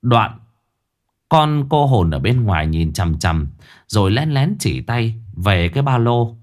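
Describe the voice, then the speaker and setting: Brief: male storyteller, lively pitch, dramatic scripted horror narration. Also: measured pace.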